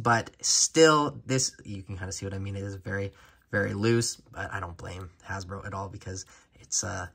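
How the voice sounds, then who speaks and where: A man reviewing an action figure in a casual, chatty vlog, enthusiastic and filling pauses with "uh". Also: medium pitch, pushed and bright, slightly rough. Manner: chatty and enthusiastic, frequent "uh" fillers.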